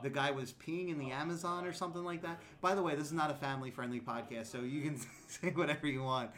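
A man's voice: a little high, steady tone, fast talker, fairly bright tone. Chatty laughing male podcast host. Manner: rambling, laughs often, many fillers. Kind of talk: casual chat. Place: comic book store.

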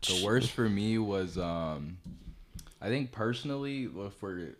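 Easygoing male co-host, reactive listener, very low pitch. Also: lively intonation, slow pace. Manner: laid-back, reactive listener. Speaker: podcast co-host. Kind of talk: casual podcast chat.

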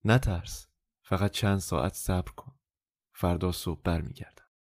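A man reading the part of a resolute, tender young woman in love, in his own low voice, for an audiobook. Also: steady tone, dry recording, studio quality.

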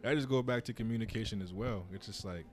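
A man's voice: lowish voice, quick pace. A young man co-hosting a casual podcast chat at home, laid-back and agreeing often. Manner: laid-back, says "facts" and "word" often. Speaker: podcast co-host. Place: house, indoors.

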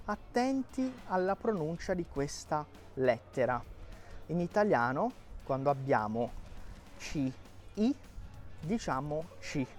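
A man from Brazil teaching Italian on a live walking lesson outdoors. He drills words slowly and checks in with listeners. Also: on the high side. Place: walking outdoors in a historic city centre.

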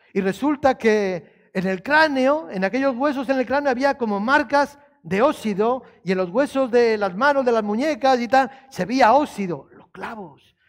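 A man preaching a sermon in a conversational way, asking the congregation questions and quoting scripture, moving between quiet storytelling and raised, emphatic passages. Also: very high voice. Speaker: pastor.

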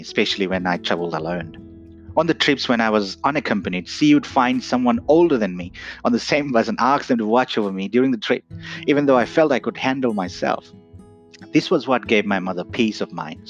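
A man from Nepal giving a reflective, earnest talk, often asking "right?". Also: medium pitch. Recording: dull lo-fi audio with faint guitar.

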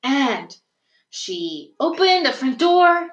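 A young woman co-hosting a podcast, telling a folk tale in a rambling, animated way and laughing often. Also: sits high, slow, highs cut off. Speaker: podcast co-host. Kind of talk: casual storytelling chat. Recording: echoey room.

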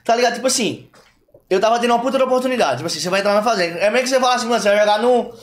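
Fast-talking young man telling a story. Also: very high-pitched. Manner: slangy, animated, quick storytelling. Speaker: guest. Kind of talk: casual chat, storytelling.

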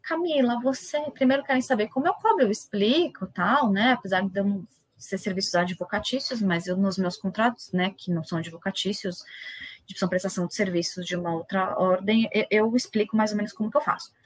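Casting: woman, podcast guest, husky voice, dry close sound, emphatic casual talk. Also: medium pitch, fairly quick, no room sound. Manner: emphatic, lively storytelling. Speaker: lawyer guest.

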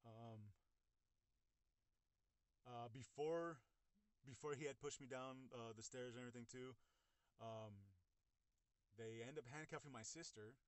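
A young man casually recounting his own experience in the first person, halting and full of fillers and restarts, with blunt, profane wording. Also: mid-range voice, clean tone, no echo.

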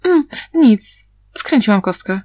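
A woman reading a sly young girl who fakes blindness, in a high, wheedling tone. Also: sing-song, slow pace, darkish tone, no room sound, exaggerated voice. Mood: coaxing.

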